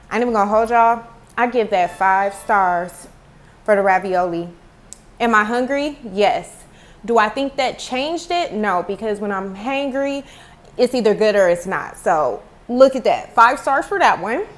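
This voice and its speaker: A woman chatting casually to viewers in a food review vlog, recorded at home on earbud headphones. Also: medium pitch. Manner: chatty, talks to viewers as y'all. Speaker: food vlogger. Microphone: earbud headphone mic.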